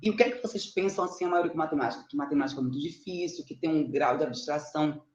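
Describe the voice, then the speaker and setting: Low-pitched, darkish and rapid-fire, a middle-aged woman from Salvador with a Bahian Brazilian Portuguese accent presents her research as a math teacher. She talks from indoors on an online conferencing platform, informal, chatty and self-deprecating, often checking with her audience, over muffled, roomy call audio.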